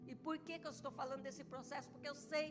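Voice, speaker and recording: A middle-aged woman pastor preaches a heartfelt testimony in a church service. Her voice sits high and climbs into loud, emphatic bursts. Music plays clearly beneath her words. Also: fairly even intonation, very fast. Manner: emotional testimony, rising to loud emphatic peaks. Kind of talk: sermon.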